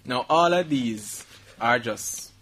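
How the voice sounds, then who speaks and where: A middle-aged Jamaican man hosts a radio talk show, reading news headlines and then riffing on them with laughter and Jamaican Patois asides in casual comedic banter. His voice is medium-pitched, a bit bright, and slow with lively intonation, over slight background noise.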